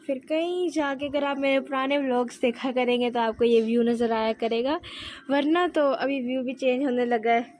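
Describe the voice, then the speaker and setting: A woman's voice: sits high, fairly even intonation, normal speed, darkish tone, dry recording. A teenage girl telling a rambling, giggly storytime in a casual vlog. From Pakistan. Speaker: vlogger.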